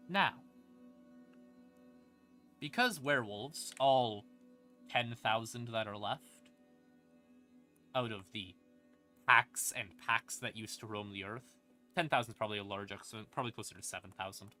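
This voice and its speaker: A bright-voiced man with a medium pitch streams a casual, rambling explanation of game lore. Creepy ambient music plays behind his voice.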